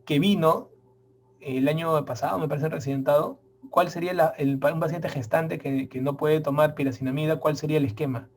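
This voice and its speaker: A man's voice: a little high, fairly even intonation, a little fast, a little hiss or hum. A middle-aged man, giving a medical exam prep lecture. He stresses and repeats the key points and speaks straight to his students.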